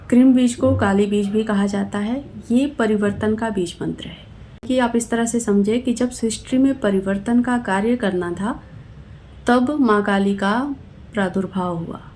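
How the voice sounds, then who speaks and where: A woman explaining devotional mantras to viewers in a calm, instructive way, speaking directly to them. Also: medium pitch, slight background noise. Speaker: spiritual teacher.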